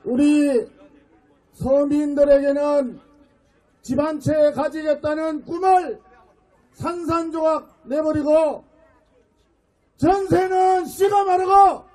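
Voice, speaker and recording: Shouting middle-aged man with a deep-toned high voice. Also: steady tone, low-quality recording. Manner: shouting, rhetorical questions to the crowd, emphatic pauses. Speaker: party floor leader giving a rally speech. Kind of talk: fiery political rally speech.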